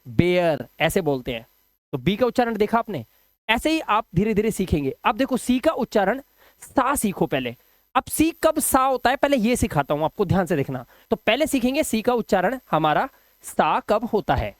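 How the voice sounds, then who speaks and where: A male English teacher with a high voice records a spoken video lesson, asking the class questions he then answers and drawing out letter sounds while spelling. The studio-quality audio has no room sound.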